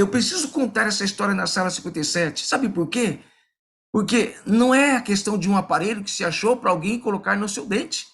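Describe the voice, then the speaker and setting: A man's voice: high voice, a bit bright. A man in his forties, a pastor, preaching earnestly and telling a personal story, repeating phrases and addressing listeners fondly.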